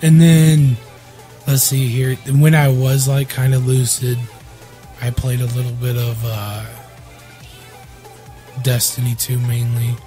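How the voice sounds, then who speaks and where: A man's voice: mid-range voice, level tone, takes it slowly, pauses often, dark tone, faint music behind. A young man with a strained voice from illness, co-hosting a casual chat and telling stories in a rambling, profane way. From Iowa. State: sick, strained voice. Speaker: podcast co-host.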